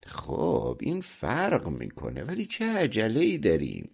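A man voicing a clever young farmhand in a folk tale audiobook, speaking calmly and slyly. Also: fairly low pitch, gravelly, husky, heavily acted.

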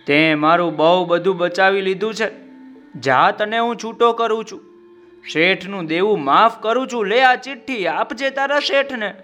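A man's voice: high-pitched, moderate pace, pushed and bright, soft background music. A man voicing a generous, grateful male merchant in a children's story. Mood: earnest.

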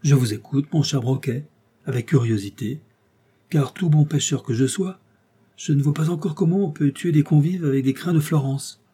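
A man's voice: on the high side, normal speed, mellow, slightly rough, voice pushed up. A man doing a curious, wry judge. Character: curious male judge, keen angler.

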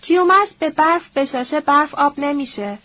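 A woman's voice: high-pitched, no room sound, highs cut off, close to an everyday voice. A woman voicing a bitter, scornful old nobleman who curses and quotes proverbs in a sneering, coarse, grumbling way.

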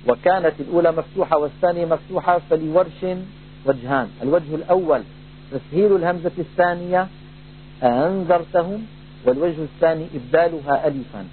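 A man teaching a Quran recitation lesson, explaining rules in a measured way and slowly drawing out recited examples. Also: a little high. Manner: measured, drawn-out demonstrations of recited words. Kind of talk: tajwid lesson with demonstrated recitation. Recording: tinny phone-like band, faint hum.

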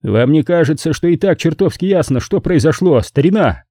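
A man voicing a rude, sarcastic gentleman in an audiobook, with a harsh, nervous voice. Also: high-pitched, sing-song, normal speed, breathy edge, no room sound, clean studio sound, voice pushed up, full character voice. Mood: sneering.

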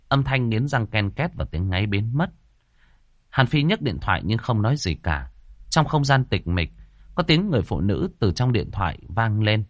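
A man narrating a horror fantasy novel as an audiobook with expressive, suspenseful storytelling. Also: lowish voice, no room sound, clean studio sound.

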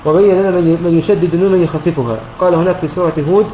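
A man, a sheikh, explains a recitation poem line by line in a methodical way, often clearing his throat and correcting himself. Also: sits high, steady tone, racing, mellow. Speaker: sheikh teaching Quranic recitation. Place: online voice chat room. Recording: roomy, dull lo-fi online voice chat with faint noise.

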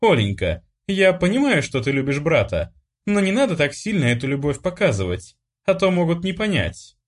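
A man playing a proud, calm noble mother. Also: a little high, normal speed, pitched above the performer's own voice. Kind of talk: audiobook character voice.

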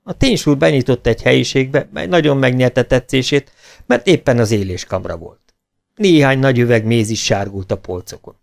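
A man narrating a children's storybook audiobook in an expressive way. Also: medium pitch, creaky. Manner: expressive, animated. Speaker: audiobook reader.

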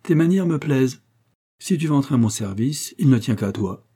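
A man's voice: medium pitch, animated, normal speed, mellow, husky, pitched above the performer's own voice. A man voicing a hearty, good-natured middle-aged banker who was once a sailor. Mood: jovial.

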